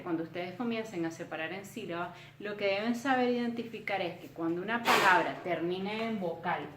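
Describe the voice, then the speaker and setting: A woman teacher giving a recorded tutorial lesson, explaining carefully and counting out syllables slowly. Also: medium pitch, a little hiss or hum. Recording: roomy, distant from the mic.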